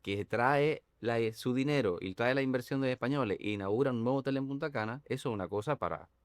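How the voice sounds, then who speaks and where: Measured analytical man, dry sound. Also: mid-range voice, clear, resonant tone, no room sound. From not Dominican, living in the Dominican Republic for years. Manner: measured, analytical, with frequent hesitations. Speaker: guest communications strategist. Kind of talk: political talk show discussion.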